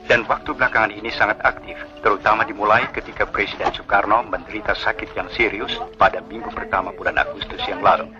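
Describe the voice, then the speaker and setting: A man reading a formal official statement on the radio in a measured, solemn way, heard as an old 1960s newsreel broadcast. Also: lowish voice. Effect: old 1960s radio newsreel sound. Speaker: radio announcer. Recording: muffled archival radio broadcast with faint music.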